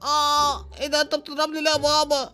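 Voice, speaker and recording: A young man with an Egyptian accent, excitably hosting and narrating a game movie. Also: very high voice, fast talker, over music. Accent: Egyptian Arabic. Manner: excitable, exclamatory. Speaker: YouTube gamer host.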